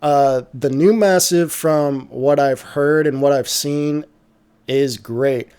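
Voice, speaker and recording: A man hosting a casual livestream, answering viewer questions about music software in a relaxed way, trailing off with fillers. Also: fairly high pitch, takes it slowly, smooth. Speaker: music producer streamer.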